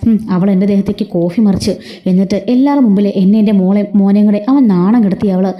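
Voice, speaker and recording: A woman's voice: medium pitch, quick pace, highs cut off, natural voice. A woman voicing a bitter, scheming middle-aged mother-in-law in a told story. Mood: seething. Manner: bitter, threatening.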